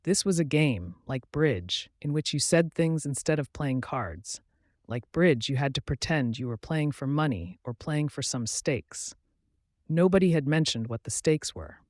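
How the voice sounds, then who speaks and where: Measured male audiobook narrator, dry sound. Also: a little high, animated, dry recording. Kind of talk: scripted narration.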